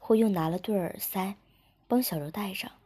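Breathy, husky woman reading a story softly. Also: mid-range voice, normal speed. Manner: soft, intimate reading that often drops to a whisper. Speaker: story narrator. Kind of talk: erotic story narration, often whispered.

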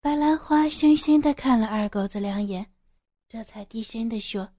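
Brief: woman storyteller reading a serialized story, calm and steady, mellow and dry. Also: fairly high pitch, normal speed, dry recording. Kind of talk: scripted audio story narration.

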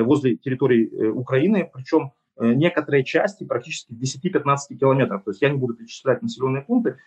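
A man from Ukraine giving analytical interview answers in a measured, deliberate way, often pausing on hesitation sounds. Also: medium pitch, darkish tone, slightly rough, muffled recording. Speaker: political analyst, interview guest.

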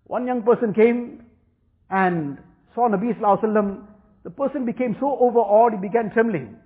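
A male religious teacher whose first language is Urdu gives an earnest Islamic talk in a high-pitched, fairly quick voice, repeating phrases for emphasis. The recording sounds tinny, like a phone.

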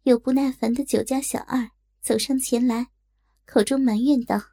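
A woman narrating a story in a slow, deliberate storytelling manner. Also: high-pitched, steady tone, warm tone, no room sound, clean studio sound.

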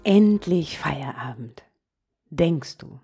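A woman hosting a guided meditation podcast, speaking softly and gently, often sinking into a whisper. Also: low-pitched, lively intonation, husky, soft background music. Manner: slow, soft-spoken, gently guiding, drops into whispers.

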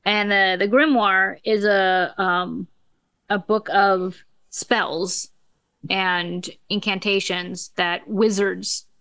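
A woman's voice: medium pitch, flat delivery, takes it slowly, fairly bright tone, clear, resonant tone, no room sound. A woman co-hosting a podcast, casually recapping a TV episode with frequent fillers. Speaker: podcast co-host.

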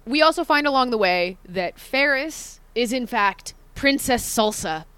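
A woman's voice: on the high side, lively intonation, unhurried, fairly bright tone, clear, resonant tone, no room sound. A woman co-hosting a casual chat and recapping a video game's plot, laughing often and acting out characters' lines. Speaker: podcast co-host.

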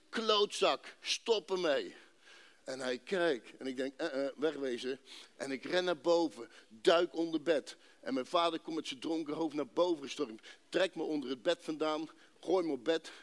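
Man from Rotterdam, high voice, emotional church testimony with drawn-out dramatic pauses. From Netherlands, Rotterdam. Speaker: speaker giving a personal testimony. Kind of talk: emotional faith testimony to a congregation.

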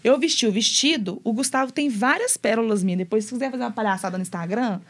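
A young woman on a podcast tells her story at a quick clip in a fairly high voice. She is lively and animated, slipping into the voices of the people she quotes. It sounds like casual, easygoing conversation. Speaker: guest, mother sharing her story.

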